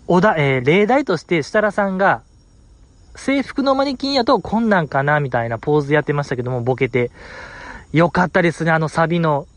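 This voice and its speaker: Animated young man in Kansai dialect. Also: dry recording. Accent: Kansai Japanese. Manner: animated, laughing, acting out quotes in a high voice. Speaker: podcast host. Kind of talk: solo casual chat about a variety show.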